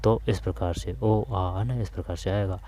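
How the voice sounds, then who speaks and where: A man teaching an exam-prep grammar lesson, repeating terms slowly and often calling his viewers "brother". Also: sits low, fairly even intonation, warm tone. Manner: repetitive, drawn-out explaining, addresses viewers as bhai.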